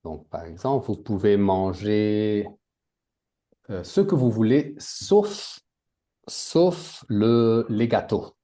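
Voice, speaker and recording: A man's voice: lowish voice, takes it slowly, dark tone. A man teaching a language class, patiently repeating words and adding English glosses for his students. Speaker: French teacher.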